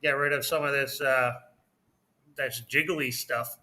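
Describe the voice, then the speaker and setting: A man co-hosting a casual livestream chat from his home, talkative and quick to laugh. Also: mid-range voice, steady tone, pushed and bright. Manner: chatty, laughs often. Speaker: livestream co-host. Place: home in Mexico.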